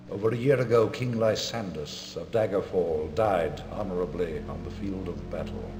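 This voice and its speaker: A man playing a grave, sorrowful emperor in a video game cutscene, with stilted, theatrical delivery and dramatic pauses. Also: sits low. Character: grave ageing emperor, solemn and sorrowful, pleading.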